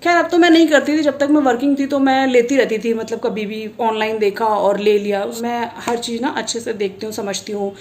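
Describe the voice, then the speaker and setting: Woman, 30s, high voice, chatty vlogger, rambling and laughing. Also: steady tone, brisk, hardly any pauses, darkish tone. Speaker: family vlogger. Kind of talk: casual vlog chat.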